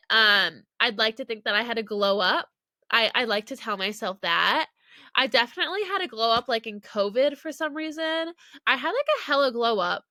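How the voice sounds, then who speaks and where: A young woman chats through her solo podcast in a bright, fairly high voice, stuffy and congested from a cold. She rambles from tangent to tangent with a constant "like". The sound is close and dry. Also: no echo. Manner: chatty, rambling, heavy use of "like". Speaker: podcast host. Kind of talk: casual solo podcast chat. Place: her childhood bedroom.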